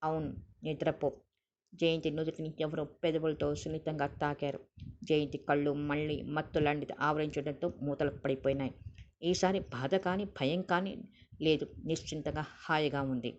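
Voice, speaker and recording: A woman narrating an audiobook in a steady reading voice, on a dull lo-fi recording. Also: sits low, normal speed, a little hiss or hum.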